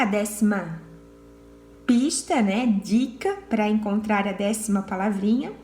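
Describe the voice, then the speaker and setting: A woman's voice: mid-range voice, darkish tone, roomy sound, a little hiss or hum. A Brazilian woman teacher giving word clues to children in a recorded lesson, patient and repeating herself. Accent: Brazilian Portuguese.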